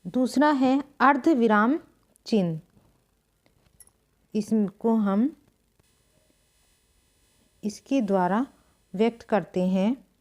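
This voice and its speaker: A woman teaching a grammar lesson, explaining step by step with long pauses and clearing her throat now and then. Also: on the high side. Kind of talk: slow board-writing lesson.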